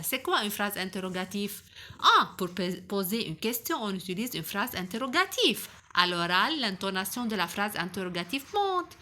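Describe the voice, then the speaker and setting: Bright-voiced woman teaching young pupils. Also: medium pitch. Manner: patient, affectionate, addresses children directly; spells out and repeats examples slowly. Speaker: primary school teacher. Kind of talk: grammar lesson for young pupils.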